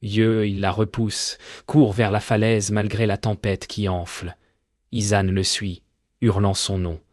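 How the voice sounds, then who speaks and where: A man narrating a fairy tale in a solemn, measured way. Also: lowish voice, level tone, a little mellow, no room sound, studio quality. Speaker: storyteller.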